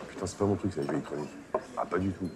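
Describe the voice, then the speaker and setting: An actor playing an excited man who has just learned he is a father, talking emphatically. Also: low voice, rapid-fire, a crowd in the background, natural voice. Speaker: new father. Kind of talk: sitcom acting. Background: background music.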